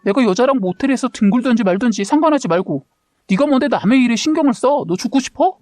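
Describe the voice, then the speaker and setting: A woman voicing an arrogant, cheating husband in a read-aloud story, speaking in a slow, menacing way. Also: fairly high pitch, lively intonation, a little mellow, no echo, clean studio sound, natural voice.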